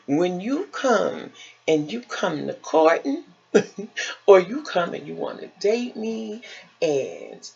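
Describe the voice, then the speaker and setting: A Chicago vlogger, an American woman, shares personal stories in a relaxed, chatty manner. Her deep voice is raspy with creaky fry, and she speaks slowly, repeating phrases for folksy emphasis. The recording sounds a bit dull and lo-fi.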